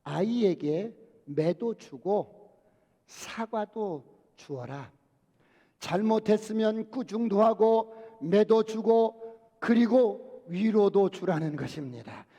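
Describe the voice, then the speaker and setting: A man preaching from the pulpit in a high but mellow voice. He puts questions to the congregation and answers them himself. His words ring out with a long reverb through the church sanctuary. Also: takes it slowly. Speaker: pastor. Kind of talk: sermon.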